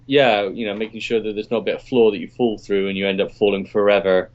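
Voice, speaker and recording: A man's voice: lowish voice, little pitch movement, fast, highs cut off. A man co-hosting a podcast over an online call, chatting easily while his voice rings with a cave-like echo. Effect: echoey, cave-like sound on his line. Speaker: podcast co-host. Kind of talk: casual chat. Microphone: remote call mic.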